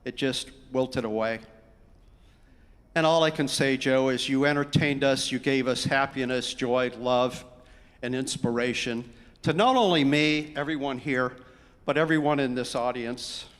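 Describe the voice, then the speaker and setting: A man giving a eulogy for his brother, telling the story in a lively way and acting out what people said. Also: medium pitch, a little slow, smooth. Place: large hall at a memorial gathering. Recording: long hall reverb.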